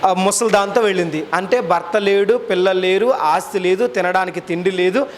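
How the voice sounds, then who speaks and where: A male pastor delivers a sermon in a very high voice, asking his listeners question after question. A faint hiss of ambient noise sits behind him. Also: normal speed. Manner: preaching with questions put to the congregation.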